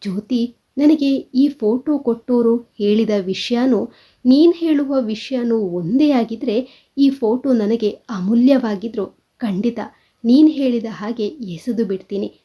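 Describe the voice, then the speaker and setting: A woman's voice: fairly high pitch, unhurried, breathy edge. A woman voicing an earnest, persuasive young man who pleads and reasons, in a dull lo-fi recording.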